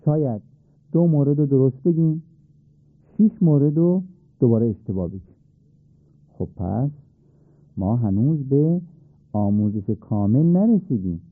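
A patient male teacher walks listeners through how to pronounce a letter, repeating the sound slowly. His voice is of medium pitch. It comes through a narrow, tinny band with a dry, close sound. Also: expressive, no room sound. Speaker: Quran recitation teacher. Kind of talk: radio-style pronunciation lesson.

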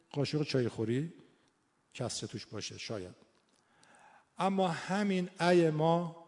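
A man's voice: a little high, a little mellow, big-room sound. A Persian-speaking man giving an informal lecture on vowel sounds, stretching out sample sounds as he demonstrates them. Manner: demonstrates vowel sounds aloud, slow and drawn out. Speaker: teacher of Quran recitation and phonetics.

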